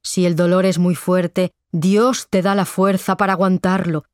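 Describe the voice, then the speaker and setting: A woman's voice: fairly low pitch, little pitch movement, measured pace, dry recording, studio quality, natural voice. A woman voicing a stern, stubborn middle-aged male priest in a read-aloud story, speaking firmly and solemnly. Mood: serious.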